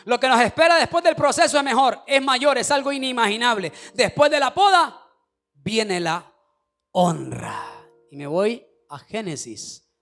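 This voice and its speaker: A male pastor preaching a sermon, with shouted, sing-song climaxes and quieter, confiding asides. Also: extremely high pitch, sing-song, measured pace, vocal fry, faint music behind. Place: church.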